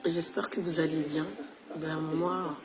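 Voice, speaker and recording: Loud music plays behind a woman with a low voice who speaks in a flat, unhurried way. She's a social media creator recovering from flu and sounding tired, giving her followers a casual, opinionated talk that mixes in Shimaore.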